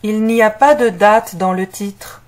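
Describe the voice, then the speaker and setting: A woman's voice: medium pitch, steady tone, a little slow, natural voice. A woman playing a confident, curious young student solving puzzles in a scripted audio story for language learners.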